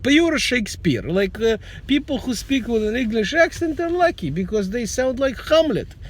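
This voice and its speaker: A middle-aged Russian-accented man vlogs from behind the wheel of his car, talking at a normal speed in an extremely high voice that swings widely in pitch. His casual monologue is full of dry jokes, and he rambles and keeps restarting his sentences.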